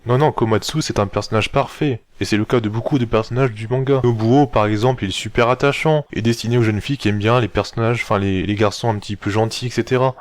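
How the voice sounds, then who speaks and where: A man's voice: mid-range voice, dry recording. A young man casually reviewing a manga, talking bluntly and heatedly with crude words. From France.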